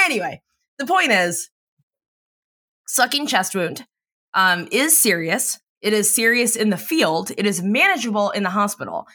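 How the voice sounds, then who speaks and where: Woman podcast co-host, casual recap chat, swears freely, laughs a lot, bright tone, lively swings in pitch. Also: a little slow. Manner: animated, profane, laughs often.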